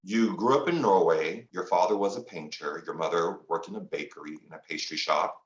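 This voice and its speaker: A man hosting an interview podcast, asking questions in a measured, affirming way. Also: low-pitched, echoey room, highs cut off, slight background noise. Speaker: podcast host.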